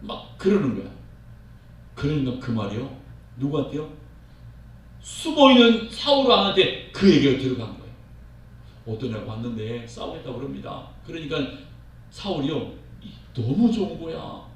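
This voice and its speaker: A male pastor preaching a sermon in a church, telling the story in an animated way and acting out the quotes. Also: fairly high pitch, normal speed, long pauses. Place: church sanctuary. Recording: echoey hall, voice from far off, faint noise.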